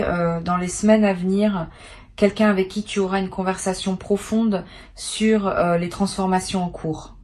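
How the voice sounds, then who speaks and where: This is a woman delivering a spiritual tarot reading to a single listener. Her voice sits at an ordinary mid pitch. She speaks in a calm, measured, soothing way, as if offering quiet guidance. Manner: calm, measured, reassuring, addressing the listener directly. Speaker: tarot reader.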